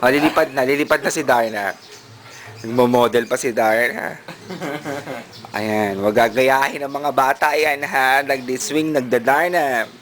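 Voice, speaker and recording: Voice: mid-range voice, fairly even intonation, measured pace, a bit bright. An adult filming a small child on a handheld camera at home, cheering and coaxing them along in a playful way on the English lines.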